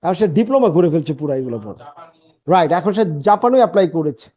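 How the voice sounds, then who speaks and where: A man with a Bengali accent gives a spoken English lesson. His voice sits high but has a mellow, dark tone. He drills short phrases slowly and says each one again and again. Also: big pitch swings. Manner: drills phrases slowly, repeating them over and over. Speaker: English teacher.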